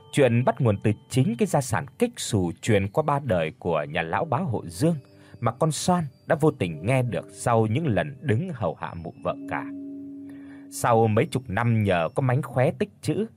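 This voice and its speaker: A man narrating a dramatic folk tale in an expressive storytelling voice. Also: mid-range voice.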